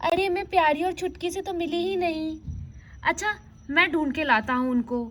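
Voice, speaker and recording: A polite young bridegroom is eager to set off, voiced by a woman. The voice is high for a man. He speaks with courteous haste. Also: moderate pace, fairly bright tone. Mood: hurried.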